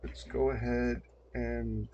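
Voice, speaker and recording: A man's voice: mid-range voice, little pitch movement, takes it slowly, warm tone, highs cut off, a little hiss or hum. An older man giving casual gameplay commentary, muttering to himself as he plays at a desk mic. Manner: muttering to himself while playing. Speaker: gameplay streamer.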